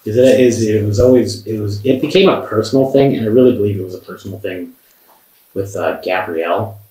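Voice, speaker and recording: Man, very low voice, police interview, defensive rambling, echoey room, set back from the mic. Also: fairly even intonation, brisk, warm tone. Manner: rambling, many restarts, defensive. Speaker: camera assistant being interviewed. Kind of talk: police interview, recounting events. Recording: roomy, from far off the mic.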